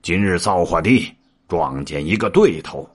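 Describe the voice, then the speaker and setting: A man's voice: deep voice, expressive, unhurried. A man voicing a sullen old male demon king in a told story.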